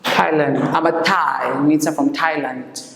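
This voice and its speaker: A woman teacher giving an English lesson, slowly repeating each word for her pupils. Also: deep voice, fairly even intonation, vocal fry, a bit bright, faint music behind. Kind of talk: classroom lesson. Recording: echoey room with long reverb.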